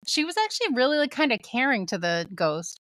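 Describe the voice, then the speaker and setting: A woman's voice: high-pitched, huge pitch swings, brisk, fairly bright tone, dry recording. A woman co-hosting a podcast, telling a true ghost story in casual chat, laughing often and voicing the people she quotes. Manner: laughing, retells with voiced quotes. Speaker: podcast co-host.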